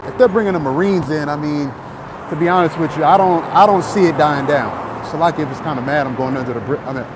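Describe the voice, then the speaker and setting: A man giving a casual, halting religious monologue while walking, repeating phrases as he goes. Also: on the high side. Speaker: religious vlogger. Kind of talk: casual walk-and-talk preaching monologue. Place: outdoors on a street with passing trucks. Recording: noisy outdoor street, passing traffic. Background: traffic and vehicle noise.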